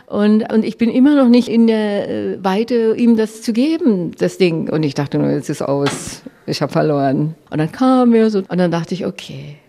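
An older woman telling a personal story in a lively way, often quoting her own thoughts. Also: mid-range voice, moderate pace, hardly any pauses, a little hiss or hum.

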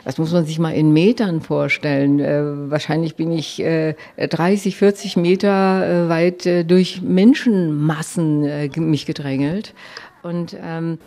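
An older woman telling a personal story in a lively way, often quoting her own thoughts. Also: deep voice, unhurried.

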